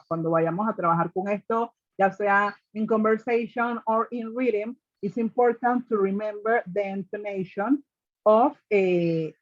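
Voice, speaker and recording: A woman's voice: mid-range voice, no echo, dull audio. A woman teaching an online class, explaining grammar step by step and often checking with her students. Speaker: English teacher.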